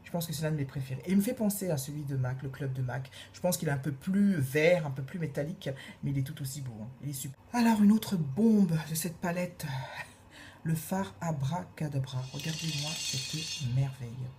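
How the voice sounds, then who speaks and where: A woman reviewing makeup in a casual, gushing way, repeating her praise and filling pauses with hesitations. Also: sits low, mellow, slight background noise. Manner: gushing, repeats praise words, many fillers. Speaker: beauty vlogger.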